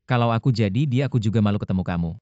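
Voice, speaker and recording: A man's voice: on the low side, very fast, darkish tone, dry recording, lightly acted. A man dubbing a blunt, sarcastic young man in a TV drama, talking in a cutting way. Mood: exasperated. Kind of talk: dubbed TV drama dialogue. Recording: dull lo-fi dubbing, dry.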